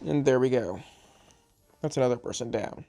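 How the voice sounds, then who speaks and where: A man at a mid pitch talks over his gameplay in a loose, rambling way. He sounds a bit tired and often trails off or restarts his sentences. It is plain, unscripted commentary into a home microphone. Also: moderate pace, vocal fry, mellow. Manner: rambling, chatty, self-correcting. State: a little tired. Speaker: gaming channel host.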